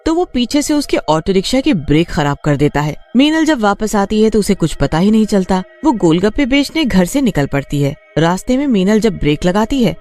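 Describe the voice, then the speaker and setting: With hardly any pauses, a woman in a mid-range voice narrates a scripted story at a fairly quick pace, her intonation varied and lively. Music plays faintly underneath.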